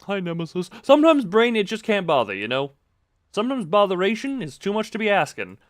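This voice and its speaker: In a high-pitched voice with big pitch swings, a man talks fairly quickly while commentating a video game live. His casual musings wander and break off mid-thought, peppered with self-deprecating wordplay.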